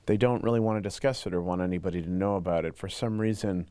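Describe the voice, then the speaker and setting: Male interviewee, low voice, measured and reflective, dry close sound. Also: warm tone, smooth, no room sound. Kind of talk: interview answer.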